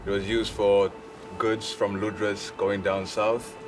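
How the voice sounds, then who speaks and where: A man's voice: fairly low pitch, level tone, slow pace. A man working as a local guide, casually explaining things on location.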